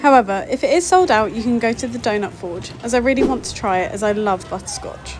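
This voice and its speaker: A woman's voice: fairly high pitch, expressive, fast talker, noisy background. A woman co-hosting a theme park vlog, presenting casually to viewers. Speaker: vlog co-host. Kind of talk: vlog narration and casual chat. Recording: music and loud crowd behind. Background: music, busy crowd.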